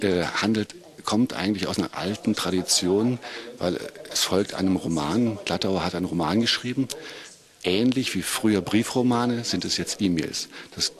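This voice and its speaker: A theater director in his fifties talks in an interview. He is a man with a deep, low-pitched voice, explaining his work. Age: 50s. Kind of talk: interview introduction.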